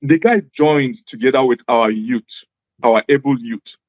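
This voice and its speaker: Speaking a little slowly at a medium pitch, a former government official from Jos, Nigeria, answers interview questions in English shaped by his native Hausa. He is earnest and emphatic, often repeating phrases for stress. There's no echo, and the highs are cut off.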